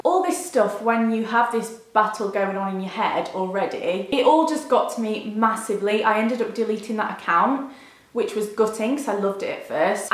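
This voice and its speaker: A woman, giving a candid, chatty update to viewers in a confiding, informal way. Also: medium pitch. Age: 20s. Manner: confiding, informal, frequent 'like'. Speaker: video blogger. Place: bedroom, indoors. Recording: roomy indoor echo.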